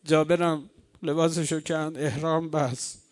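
A man's voice: on the high side, level tone. A man preaching a mourning sermon, telling a story to a gathered congregation. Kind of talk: mourning sermon with chanted lament.

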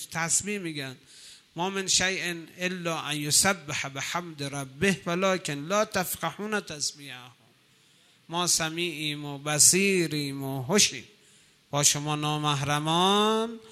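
A man preaches a sermon in a bright, fairly high voice. He tells stories with feeling and chants Arabic verses. At times he drops into soft, pleading prayer.

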